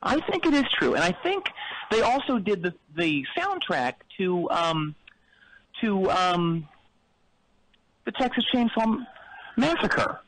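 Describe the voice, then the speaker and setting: A man's voice: sits high, very animated, takes it slowly, pauses often, fairly bright tone, slight background noise, low-quality recording. A man calling in to a radio show, rambling earnestly and confidently wrong. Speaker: caller. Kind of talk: comedic call-in banter.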